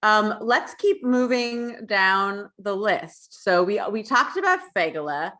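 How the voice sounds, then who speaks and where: A woman in her thirties co-hosting a live podcast, bubbly and quick to laugh. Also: mid-range voice, expressive, sharp tone. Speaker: podcast co-host.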